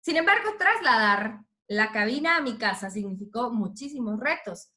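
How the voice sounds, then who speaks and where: A woman, a radio announcer telling an expressive story in a talk to teachers. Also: fairly high pitch, normal speed. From Guatemala.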